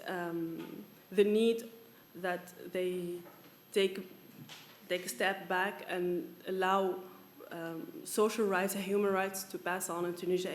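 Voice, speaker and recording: Halting woman panelist in an echoey room. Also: mid-range voice. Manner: halting, filler-heavy, earnest. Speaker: panel speaker. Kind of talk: academic presentation. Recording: echoey room, faint background noise.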